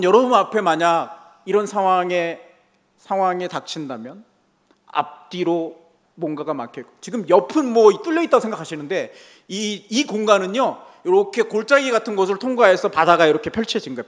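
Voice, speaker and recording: Older guy pastor preaching, high voice, hammers the same phrase twice, long echo in the church hall. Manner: emphatic, repeats key phrases. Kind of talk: Sunday sermon.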